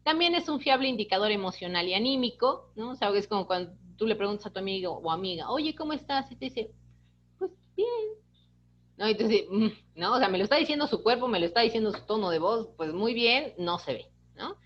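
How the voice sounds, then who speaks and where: A woman's voice: mid-range voice, lively intonation, fast talker, few pauses, dull audio. A woman teaching an online course, chatty and keeps checking in with the class. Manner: chatty, keeps asking "¿no?", acts out quoted dialogue. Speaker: course instructor. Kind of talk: online lecture.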